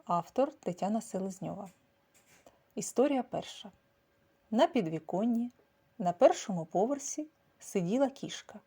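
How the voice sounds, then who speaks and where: A woman, the author, reading her own children's story aloud in an expressive, sing-song storytelling manner. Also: mid-range voice, moderate pace, pauses often, breathy edge. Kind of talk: storybook narration.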